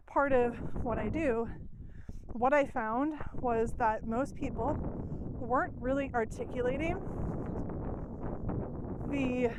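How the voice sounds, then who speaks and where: This middle-aged success coach has a fairly high-pitched voice with background noise as she walks outdoors in a casual, loose vlog. A little breathless, she uses fillers and small laughs, and the audio moves from a headphone mic to a phone mic.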